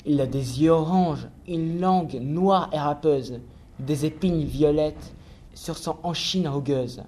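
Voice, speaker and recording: A man narrating a children's story in rhymed verse, reading clearly and rhythmically. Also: a little high, takes it slowly, warm tone.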